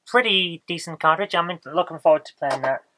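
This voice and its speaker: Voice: medium pitch, brisk, sharp tone. Worn-out vlogger, noisy recording. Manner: rambling, searching for words. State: exhausted, low on energy. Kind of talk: casual vlog chat.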